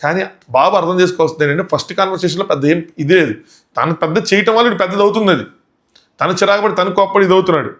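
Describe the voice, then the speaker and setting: A man delivers casual commentary on a reality show at a rapid clip. His voice sits a little high, and he keeps firing off indignant rhetorical questions as he picks apart what happened. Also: fairly bright tone.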